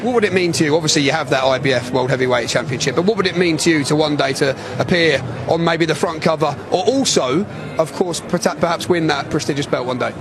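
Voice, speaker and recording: A man doing gushing, flattering red carpet chatter as an event interviewer. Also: fairly high pitch, quick pace. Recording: noisy outdoor street with traffic.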